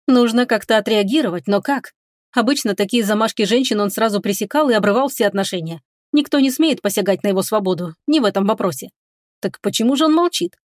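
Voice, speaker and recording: Audiobook narrator: woman, even middle voice, dry studio read. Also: mid-range voice, no room sound. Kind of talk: scripted fantasy narration.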